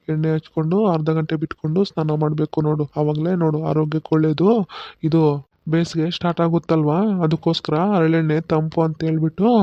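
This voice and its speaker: A man's voice: on the high side, no room sound, lo-fi sound, natural voice. A man voicing a patient village father in a cartoon who explains the ritual step by step and keeps checking that he is understood. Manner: instructive, keeps asking "okay?". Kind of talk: cartoon voice acting.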